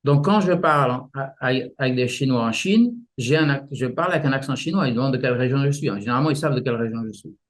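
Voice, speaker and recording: Male martial arts teacher, halting, vivid examples, guest interview. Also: mid-range voice, animated. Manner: halting, many restarts, explains with images. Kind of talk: casual explanatory interview.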